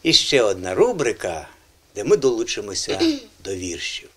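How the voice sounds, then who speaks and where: A middle-aged man presenting a lively language segment on television, quizzing children and repeating words in a teacherly way. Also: on the low side, moderate pace, loud music behind the voice.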